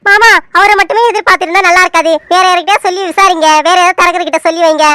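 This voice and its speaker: A woman's voice: very high voice, fairly even intonation, rapid-fire, bright, forceful tone, no room sound. A woman voicing a worried middle-aged village mother who urges her husband in a cartoon serial. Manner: urging, anxious.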